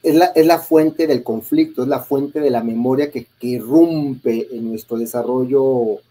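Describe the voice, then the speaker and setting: A man hosting a conversational interview, speaking in a measured, reflective way with frequent filler pauses. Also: mid-range voice, dark tone, low-quality recording. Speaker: host.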